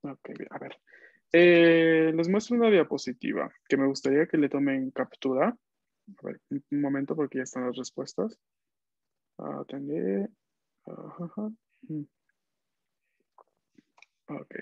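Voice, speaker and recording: A man's voice: fairly high pitch, animated, unhurried, gravelly, pauses often, a little mellow, dry recording. A man teaching a language class online, explaining patiently and often checking that students follow. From Peru. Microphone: computer mic on a video call. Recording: dull video-call audio.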